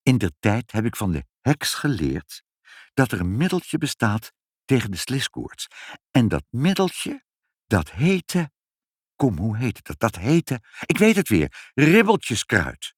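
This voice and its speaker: A man voicing a brisk, sensible mother in a read-aloud storybook, talking in a matter-of-fact way. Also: medium pitch, sing-song, husky, no room sound, clean studio sound, pitched above the performer's own voice, exaggerated voice. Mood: explaining.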